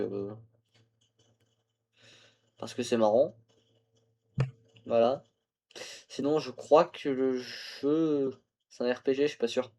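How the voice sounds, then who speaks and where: Recorded through the phone he uses as a camera, a weary young gamer chats casually on his livestream, rambling and muttering to himself amid fillers and laughter. His voice is mid-range and mellow.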